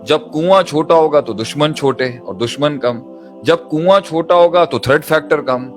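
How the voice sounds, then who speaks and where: A man's voice: fairly high pitch, normal speed. A man preaching a motivational sermon, pressing his point with repeated rhetorical phrases and English terms mixed in. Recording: music playing under the voice.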